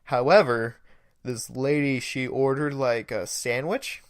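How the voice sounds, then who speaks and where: A man's voice: mid-range voice, slow, clear, resonant tone, dry recording, studio quality. A young man hosting a podcast, telling a rambling story in a casual way, laughing and swearing now and then. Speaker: podcast host.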